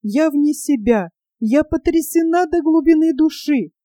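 A woman voices a doe mother in a storybook reading, upset and agitated. The voice is high and mellow, close and dry. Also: animated, measured pace, no echo. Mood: shocked.

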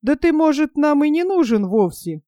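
A woman's voice: high voice, big pitch swings, moderate pace, mellow, no room sound, voice pushed up. A woman voicing an impatient adult male cavalry commander who speaks curtly and dismissively. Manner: curt and dismissive.

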